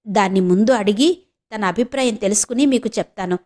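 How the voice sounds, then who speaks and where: A woman voicing a polite, quick-witted young married woman who likes to tease. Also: mid-range voice, darkish tone, natural voice. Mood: teasing. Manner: polite but teasing.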